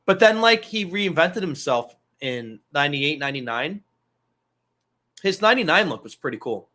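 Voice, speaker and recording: A man's voice: fairly high pitch, sing-song, moderate pace, pushed and bright. A man hosting a casual wrestling talk show, loose and profane, rambling through asides. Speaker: podcast host.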